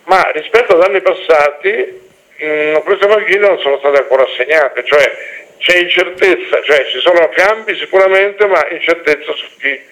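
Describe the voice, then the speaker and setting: Guy on a radio phone call, slow and halting, keeps repeating words, club director type. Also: on the high side, a bit bright. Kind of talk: phone interview about football.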